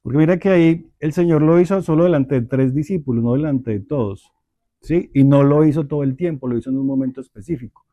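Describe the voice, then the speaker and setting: Measured man leading a church parenting class. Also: on the high side, mellow, dry recording. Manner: measured, deliberate, with tag questions to listeners. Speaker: Bible study teacher.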